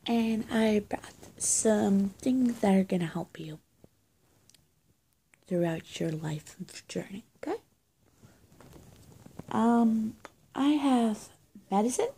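A young roleplay video creator improvises to camera as a witch nursing a hurt person, her mid-range, mellow voice halting, breathy and confiding and often falling almost to a whisper. She sits in a small indoor room with bare walls. Captured by a phone or webcam at arm's length, the rough recording carries a little hiss or hum.

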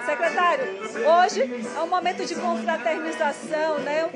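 High-voiced woman reporting live. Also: normal speed. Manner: lively, chatty, addresses anchor often. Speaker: field reporter. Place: outdoor community restaurant with live forró band. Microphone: handheld TV mic, masked. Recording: loud forró music and crowd behind.

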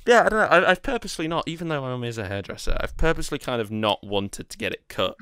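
Bright, clear-voiced young man chatting. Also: mid-range voice, expressive, fast, no echo, clean studio sound. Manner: rambling, lots of fillers and restarts. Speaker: podcast co-host. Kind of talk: casual chat.

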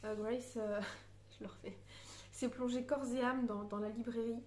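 A woman's voice: on the high side, steady tone, moderate pace, roomy sound, a little hiss or hum. A woman reviewing a novel in a casual book vlog, hesitant and searching for her words, with many fillers and restarts. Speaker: book vlogger. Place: on a beach.

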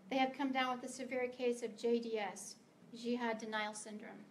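A woman's voice: a little high, fairly even intonation, moderate pace, a little hiss or hum. A middle-aged American woman giving a prepared speech to a meeting as a guest author, earnest and emphatic, sometimes stumbling over words. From United States. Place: meeting room of a library.

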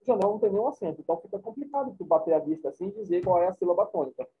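A man's voice: high voice, animated, very fast, a little hiss or hum. A man teaching a class, explaining points informally and often checking in with his students. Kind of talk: classroom lecture. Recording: tinny phone-like recording.

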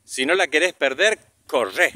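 Walking along an outdoor path, a father films a casual vlog on a handheld camera or phone, narrating and chatting with his child in Rioplatense Argentine Spanish. His voice is a little high, pushed and bright, with lively intonation and an unhurried pace. The recording is dry, with clear background noise.

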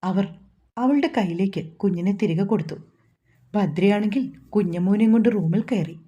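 A woman with a Malayalam accent reading a romantic novel aloud as narrator, voicing every character in a fairly even tone. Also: medium pitch, moderate pace, husky, muffled recording. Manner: reads all characters' dialogue in a mostly even voice. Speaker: story narrator.

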